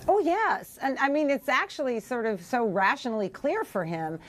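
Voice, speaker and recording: A woman's voice: high voice, expressive, moderate pace, slight background noise. A woman giving political commentary on a news panel, emphatic and full of fillers.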